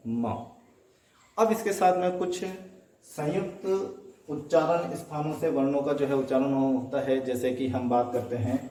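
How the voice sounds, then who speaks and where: A man's voice: mid-range voice, dark tone. A male teacher giving a lesson, reciting letters one by one and asking and answering his own questions. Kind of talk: Sanskrit phonetics lesson. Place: classroom or room, writing on a board. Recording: echoey room, voice from a distance.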